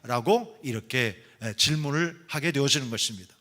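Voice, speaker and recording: A man's voice: mid-range voice, expressive, moderate pace, pushed and bright. A male pastor preaching a sermon, retelling a scripture story with emphasis and asking the congregation rhetorical questions.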